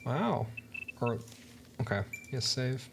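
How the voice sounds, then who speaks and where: A man's voice: medium pitch, sing-song, slow pace, creaky, slight background noise. A man chatting casually while playing a visual novel and reading its narration aloud in an easygoing way. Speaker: streamer.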